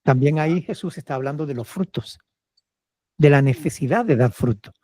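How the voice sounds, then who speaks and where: Male Peruvian pastor, teacherly Q&A answers, warm dark tone, dry close sound. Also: on the high side, moderate pace, no echo. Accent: Peruvian Spanish. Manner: explanatory, often checks with "¿ok?". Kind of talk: answering questions in a church Q&A.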